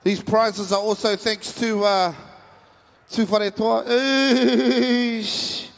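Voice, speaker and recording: A man's voice: high-pitched, little pitch movement, takes it slowly, big-room sound. A man with a Māori New Zealand accent hosting a live stage event, playful and informal as he calls out to the audience. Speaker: festival stage host.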